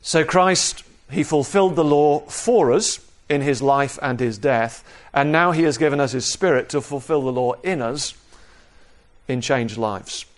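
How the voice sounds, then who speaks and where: A man with a mid-range voice preaches an expository sermon, teaching from the Bible in a measured, explanatory manner and repeating key phrases for emphasis.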